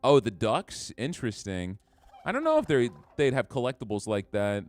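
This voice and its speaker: A man giving excitable, jokey commentary while playing a game on a live stream. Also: mid-range voice, normal speed. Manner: excitable, jokey trash talk.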